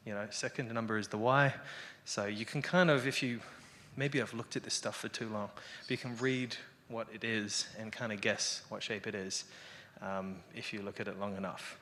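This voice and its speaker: A man's voice: lowish voice, fairly bright tone. A man giving a casual, irreverent lightning talk to an audience, rambling and conversational, with salty language and wry asides. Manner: rambling and conversational, peppered with "you know". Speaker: lightning talk speaker, developer and illustrator.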